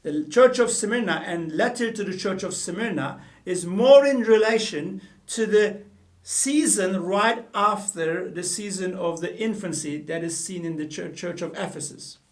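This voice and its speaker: Here an earnest middle-aged Turkish man, accent clearly Turkish, delivers Bible teaching to the camera from a small studio. His voice sits high and unhurried on a distant mic, and he gestures with both hands while repeating and correcting himself often.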